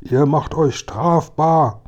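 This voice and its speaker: A man voicing a locked-up police sergeant who shouts for help in an officious, indignant way. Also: on the high side, takes it slowly, dull audio, pitched above the performer's own voice. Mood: pleading.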